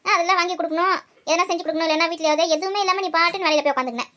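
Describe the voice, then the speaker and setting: A woman voicing a tired, grumbling old grandmother with an aching back, talking soft and low in a comic family skit. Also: steady tone, racing. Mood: scolding. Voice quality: soft and low, muttering to herself.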